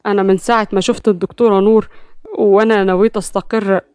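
A woman's voice: medium pitch, little pitch movement, quick pace, a little mellow, smooth, no echo, voice pushed down, close to an everyday voice. A woman voicing a shy, nervous man who stammers and pleads, with an Egyptian accent. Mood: hesitant. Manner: hesitant, pleading. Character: bashful, frightened male suitor.

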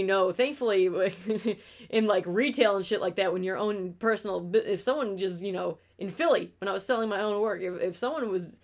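Chatting on a casual bedroom stream, a young upstate New Yorker rants bluntly and swears freely in her mid-range voice, her upstate New York accent clear.

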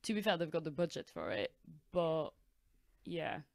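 A woman with a notably low voice co-hosts a podcast in casual back-and-forth chat. She talks in quick asides strung together with "like", and the sound is close and dry. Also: big pitch swings, creaky, darkish tone, no echo. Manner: chatty, quick asides with lots of "like". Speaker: podcast co-host.

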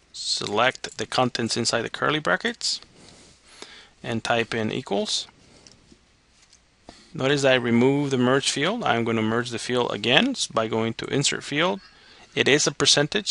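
A man narrating a step-by-step software tutorial as the instructor. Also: mid-range voice, vocal fry. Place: voice-over on a screen recording.

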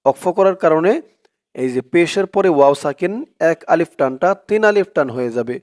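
A man teaching Quran recitation in a tajweed lesson. He spells out each letter and vowel mark in a Bangladeshi Bengali accent, then chants the verse slowly and drawn out. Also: fairly high pitch, expressive, darkish tone.

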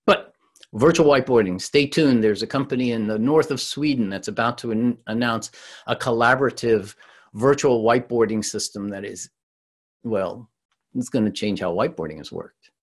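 A man's voice: mid-range voice, normal speed. A middle-aged man from the San Francisco Bay Area, giving a conversational webinar talk as a presentation coach over a video call. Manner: lively, conversational, with frequent restarts.

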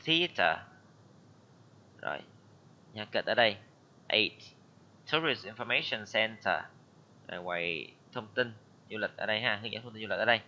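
A man's voice: on the low side, lively intonation, moderate pace, pauses often, bright, forceful tone, highs cut off, slight background noise. A man teaching an English class online, reading vocabulary words and explaining them. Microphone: computer mic on a video call.

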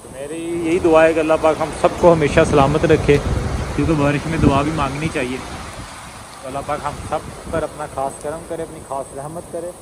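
A young man in his twenties talking casually into a phone at arm's length, sheltering outdoors from heavy rain at night and slowly reciting poetry in a soft, musing way. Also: on the high side, flat delivery, heavy background noise. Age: 20s. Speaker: vlogger. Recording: phone video with loud music over it. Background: music and rain.

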